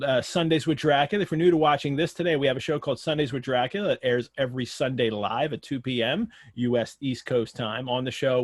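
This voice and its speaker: Hosting a live online literary show over a remote video call, an American man chats conversationally through announcements and questions. His mid-range voice comes across clean, with studio sound and no room noise.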